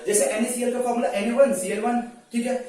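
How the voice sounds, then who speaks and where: A man's voice: very high-pitched, flat delivery, fairly quick, a little mellow. A man teaching chemistry in an online lecture, coaxing students and often checking they understand. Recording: echoey room, voice far from mic.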